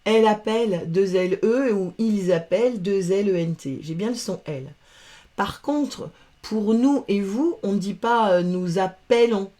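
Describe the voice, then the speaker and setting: A woman teaches verb conjugation, spelling out each letter and sound patiently. She speaks at a very slow, deliberate pace. Her voice is warm and mellow, in a middle register. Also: mid-range voice, animated. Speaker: French grammar teacher. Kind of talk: slow, careful grammar lesson.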